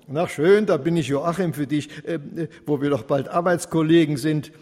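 A loud, hearty husband who keeps stumbling over his words, as a storyteller puts him on. The tone is a little husky. A long hall reverb hangs behind him. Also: fairly high pitch, normal speed, lightly acted. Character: older husband, hearty and grateful.

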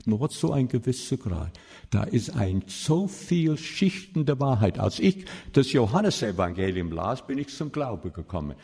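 A male pastor preaching a sermon with passion, swinging between loud and soft. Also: medium pitch, very animated, a little slow, husky. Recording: long reverb of a large hall.

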